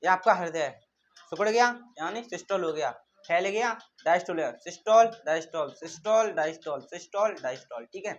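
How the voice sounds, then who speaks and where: High-voiced man drilling a lesson. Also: animated, a little fast, highs cut off. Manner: repeats questions and answers them himself; drills terms in call-and-response rhythm. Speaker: teacher. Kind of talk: classroom lecture.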